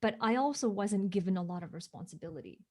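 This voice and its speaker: With a warm, expressive, medium-pitched voice, a Hong Kong woman speaks at a quick pace as an interview guest. She isn't a native English speaker, tells her story emphatically, and repeatedly asks "right?" to draw agreement.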